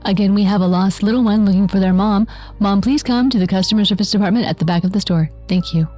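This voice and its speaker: A female store employee pages shoppers over the store loudspeaker, as a woman puts her on. The polite, measured announcement has a dark, mellow tone. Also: mid-range voice, soft background music.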